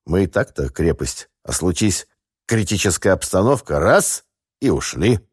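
A man voicing a boastful, loud middle-aged gang boss in an audiobook, with a booming, swaggering delivery. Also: big pitch swings, moderate pace, husky, no echo, clean studio sound, exaggerated voice. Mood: boisterous.

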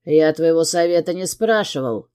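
A woman's voice: low voice, lively intonation, moderate pace, mellow, clear, resonant tone. A woman reading an audiobook and voicing an arrogant, dismissive male criminal partner who talks curtly. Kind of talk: audiobook character voice.

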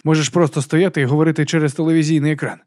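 A man's voice: a little high, very fast, no echo, clean studio sound, voice pushed up, close to an everyday voice. A man doing a giddy, drugged detective. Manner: excited, tipsy rambling, shouting at times. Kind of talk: audiobook character voice.

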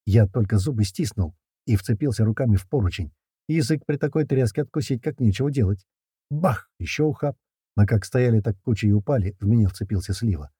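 A man reading an action story aloud in the first person, with brisk, slangy narration and shouted lines for the characters. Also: lowish voice, expressive, husky, no echo, clean studio sound. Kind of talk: audiobook narration with character voices.

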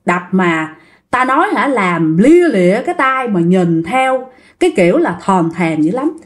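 A woman's voice: medium pitch, big pitch swings, a little slow. A woman telling a ghost story in a casual, chatty way, speaking straight to her listeners. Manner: chatty, addresses listeners directly.

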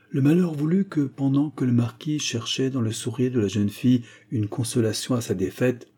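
A man narrating a classic story as an audiobook reader, measured and expressive. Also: mid-range voice, breathy edge. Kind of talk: scripted narration.

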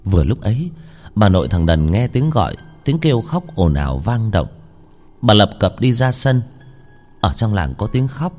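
A man reading a ghost story aloud in measured, dramatic storytelling. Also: fairly low pitch, sing-song, a little mellow, faint music behind. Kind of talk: scripted ghost-story narration.

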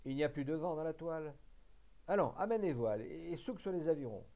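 Man playing a stern boat captain, thundering orders, dark tone. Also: a little high, lively intonation, quick pace, voice pushed up. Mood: commanding. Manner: thundering commands. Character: harsh stern male fishing-boat captain.

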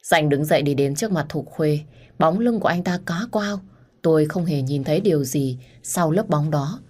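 Low-voiced woman narrating a drama story. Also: normal speed, a little mellow. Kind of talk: first-person story narration.

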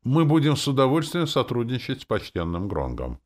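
A man's voice: mid-range voice, wildly swooping pitch, fairly quick, pitched above the performer's own voice. A man voicing a jovial, ingratiating male gnome merchant in an audiobook, sweet and coaxing. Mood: cheerful. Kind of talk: audiobook character voice.

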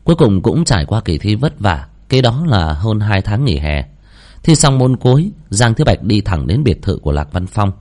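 A man narrating a novel as an audiobook, expressive in his storytelling. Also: on the low side, normal speed.

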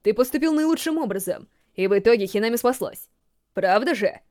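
A woman voicing a gentle young man who speaks softly and earnestly. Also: fairly high pitch, lively intonation, a little fast, natural voice. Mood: reassuring. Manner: soft, earnest, pleading.

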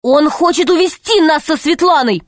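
A woman voicing an excitable young boy who pleads urgently in an audiobook story. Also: sits high, a little slow, dry recording, clean studio sound, voice pushed up.

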